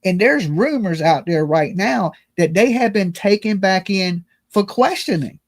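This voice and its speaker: A man's voice: high voice, expressive, unhurried. A man hosting a live commentary and call-in show, talking casually in a slangy, folksy way with self-deprecating jokes.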